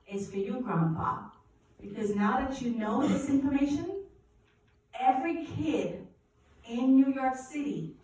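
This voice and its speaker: Lady talking to a church crowd, kinda high voice, lots of questions to the room, big echo, mic a bit far off. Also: slight background noise. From Guyana. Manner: energetic, asks the audience questions, preacherly. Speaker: finance educator speaking at a church event. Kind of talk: live seminar talk with audience call-and-response. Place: large echoey church hall. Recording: echoey hall from far off.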